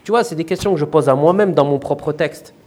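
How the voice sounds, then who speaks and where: A man's voice: a little high, brisk, darkish tone. A man with a Marseille accent, an author talking loosely in an interview, with many fillers and restarts. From France. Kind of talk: casual interview talk.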